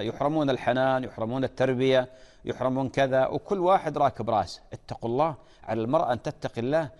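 A man's voice: medium pitch, big-room sound. A man preaching an earnest sermon, often stalling and restarting mid-word.

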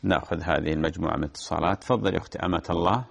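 Low gravelly sheikh hosting a call-in show. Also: male voice, very fast. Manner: formal prayerful opening, then brief prompting questions. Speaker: sheikh answering callers' religious questions. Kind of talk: call-in radio Q&A.

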